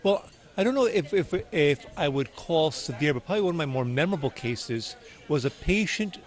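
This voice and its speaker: Middle aged guy doctor being interviewed, bit high voice, earnest, kinda hesitant. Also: animated, a little fast. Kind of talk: interview answers.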